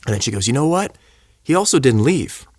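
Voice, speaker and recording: A male physician tells a story in a casual chat. He is animated and jumps into acted-out quotes, with frequent restarts. His pitch sits in the middle range, and the sound is dry and close. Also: fairly quick, no room sound. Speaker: physician guest.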